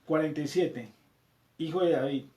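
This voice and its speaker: A Colombian man leads a scripture class, reading passages aloud and going over them again. His voice sits a little high for a man. The room around him is noticeably echoey. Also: normal speed, mellow. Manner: reads verses aloud, repeats them, checks in with "¿cierto?". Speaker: Bible study teacher.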